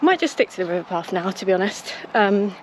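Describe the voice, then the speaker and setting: A woman's voice: mid-range voice, expressive, fairly quick. A British woman chatting casually to her vlog while out jogging on outdoor trails. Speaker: running vlogger. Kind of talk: casual vlog chat to camera. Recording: noisy outdoor ambience.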